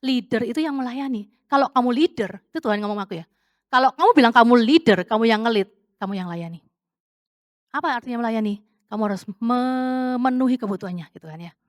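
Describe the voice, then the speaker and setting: A woman preacher with a somewhat high voice gives a relaxed, testimony-style sermon. She talks like she is chatting with friends, slips English words in, and keeps throwing rhetorical questions to the congregation. The sound is close and dry, with no room echo. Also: fast talker. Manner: chatty and conversational, with frequent fillers and English words mixed in.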